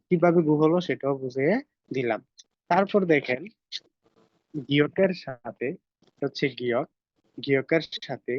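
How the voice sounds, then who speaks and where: A man's voice: mid-range voice, dry recording, muffled recording. A man teaching a language lesson, patiently drilling pronunciation over slides. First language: Bengali.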